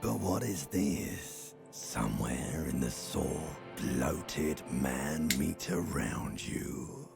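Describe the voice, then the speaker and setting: An actor in a video game playing a sly, coaxing, ancient reptilian inner voice with a gravelly rasp. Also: male voice, extremely low pitch, lively intonation, extremely slow, few pauses, exaggerated voice. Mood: coaxing, ominous. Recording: music under the voice.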